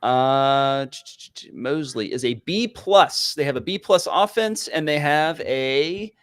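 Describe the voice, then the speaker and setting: A man, co-hosting a casual high school football talk show in an excitable, folksy, joking manner. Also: slow, clean tone. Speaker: podcast co-host.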